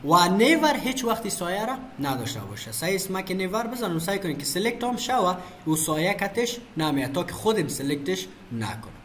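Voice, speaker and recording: A man's voice: high voice, very animated, hardly any pauses, a bit bright, slight background noise. A man giving a screen-recorded computer lesson, asking questions and answering them himself. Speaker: computer teacher. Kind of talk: screen-recorded software tutorial.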